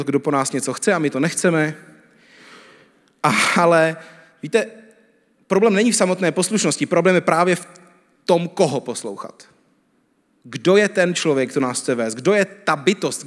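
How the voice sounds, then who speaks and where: Higher-voiced man preaching in a reverberant hall. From Czech Republic. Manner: conversational preaching with everyday stories. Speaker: pastor. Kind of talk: sermon. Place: church hall.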